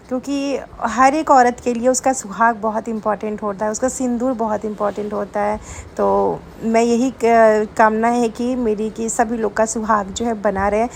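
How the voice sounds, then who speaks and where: A woman's voice: fairly high pitch, gravelly, a little hiss or hum. A young woman from India chatting casually to her viewers in a home vlog. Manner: chatty, addresses viewers as guys. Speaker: vlogger.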